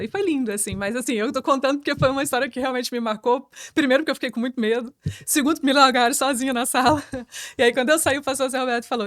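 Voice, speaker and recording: A woman's voice: fairly high pitch, no echo, clean studio sound. Brazilian woman pastor telling a story. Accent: Brazilian Portuguese. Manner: lively, chatty, many fillers and restarts. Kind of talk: testimony storytelling.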